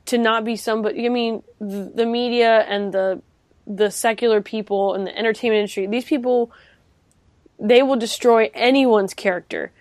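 A woman's voice: fairly high pitch, no room sound. A woman talking enthusiastically about faith in a casual chat, often restarting her sentences. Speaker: co-host.

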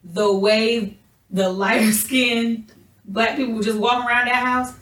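A woman co-hosting a podcast in casual chat, speaking slowly and deliberately as she gathers her thoughts. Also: on the high side, steady tone, fairly bright tone, reverberant, recorded from a distance, poor audio. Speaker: podcast co-host.

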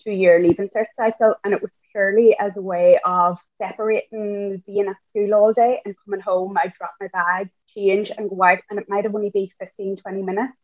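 A woman with a Donegal Irish accent talks through her answers as a podcast guest. The sound is thin and phone-like, with little room around it. Her delivery is chatty and conversational, at a middling pitch. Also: level tone, brisk, few pauses, no room sound. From County Donegal, Ireland. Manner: chatty, frequent "I suppose" and "like". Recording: thin phone-like remote line.

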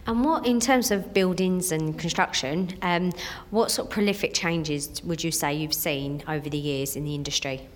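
A woman's voice: sits low, normal speed, hardly any pauses, a little hiss or hum. A woman interviewer asking questions in a conversational way. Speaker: interviewer, host.

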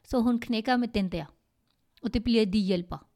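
A middle-aged woman, chatting casually with her daughter, often pausing to search for words and mixing in other languages. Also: fairly high pitch, dark tone. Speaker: podcast co-host, mother. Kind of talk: casual family chat.

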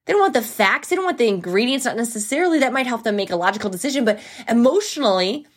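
A woman hosting a solo podcast, talking in an energetic, emphatic coaching manner with what she calls a whiny voice. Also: a little high, quick pace. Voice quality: self-described crazy whiny voice. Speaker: podcast host.

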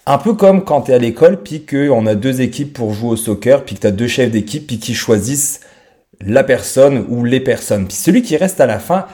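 A mellow, medium-pitched voice belongs to a podcast host from France, a man in his thirties with a French accent. He talks at a normal speed, expressively, in an unscripted and informal monologue aimed straight at the listener.

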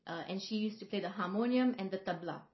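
A woman who is a singer and vocal coach, from Singapore, telling stories in a relaxed podcast chat with frequent fillers. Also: mid-range voice, fast. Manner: reflective, storytelling, frequent fillers. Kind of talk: casual podcast conversation. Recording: roomy, slightly dull podcast audio.

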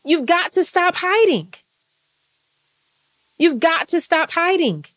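Fired up woman coach preaching to her audience, cusses a lot, repeats lines over and over. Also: high voice. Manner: impassioned, repetitive, swears freely. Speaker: business coach. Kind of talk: motivational talk.

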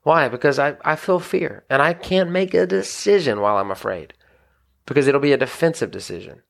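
Slightly high and expressive with some vocal fry, this married pastor's voice moves fairly quickly as he teaches scripture on a podcast. His delivery is earnest and conversational, full of restarts and "you know."

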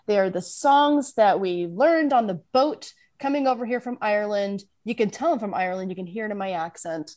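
A woman with a medium-pitched, slightly mellow voice talks a little fast with hardly any pauses in a casual podcast chat. She's playful and jokey, restarting her sentences often and using lots of fillers.

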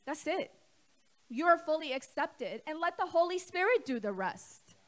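A woman pastor, middle-aged, delivers a sermon from the pulpit. Her voice sits a little high, and she talks to the congregation directly, throwing questions out to them. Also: very animated, moderate pace. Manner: conversational preaching, asks the congregation questions. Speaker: co-lead pastor.

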